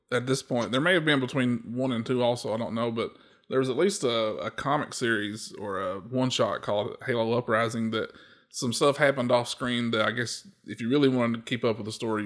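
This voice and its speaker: A man's voice: medium pitch, fairly bright tone. Easygoing man co-hosting a podcast. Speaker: podcast co-host. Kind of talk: casual chat.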